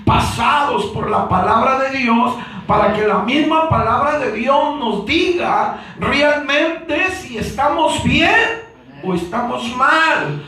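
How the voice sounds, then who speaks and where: High-pitched man preaching slow and fiery, says hermanos every line, heard from far off in an echoey church. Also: lively intonation. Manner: repeats "hermanos" constantly, rising to shouts. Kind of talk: Pentecostal sermon. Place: church hall.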